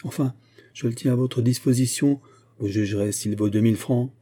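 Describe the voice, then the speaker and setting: Male reader as a composed, icy store boss, mellow dark tone, slightly husky. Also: medium pitch, moderate pace, close to an everyday voice. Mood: cold formal. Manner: calm, cool, formal. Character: cold, composed male store manager, unmoved.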